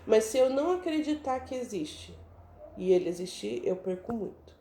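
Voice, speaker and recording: A woman telling a casual, animated personal story as a mother, often adding "né?". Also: fairly high pitch, normal speed, reverberant, slight background noise. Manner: animated, chatty, often adds "né?".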